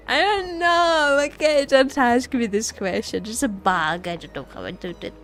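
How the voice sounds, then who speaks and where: With faint game music in the background, this woman streams a game and reacts to her chat in a casual, playful way, repeating words and phrases often. Her voice is fairly high and a bit bright, and she speaks a little slowly.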